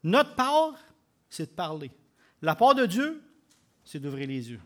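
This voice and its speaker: A man with a Québécois French accent preaching a sermon, emphatic, with loud bursts and quiet drops. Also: high-pitched, sing-song, measured pace. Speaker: pastor.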